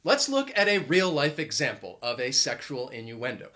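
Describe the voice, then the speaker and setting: A man giving an explanatory video lesson as an English teacher, clear and deliberate, stressing key words. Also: medium pitch, wildly swooping pitch, sharp tone.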